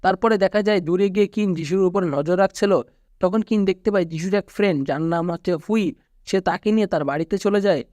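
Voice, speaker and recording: Narrator: male, Bangladeshi Bengali accent, high voice, dry close recording, even storytelling read. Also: brisk, dry recording. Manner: steady storytelling recap, quoting characters flatly. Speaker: movie recap narrator. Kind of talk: scripted narration.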